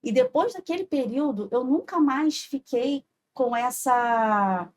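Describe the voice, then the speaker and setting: Lady telling her faith story, earnest, keeps saying sabe, higher voice. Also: expressive, measured pace, darkish tone. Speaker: podcast guest. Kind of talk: heartfelt personal testimony.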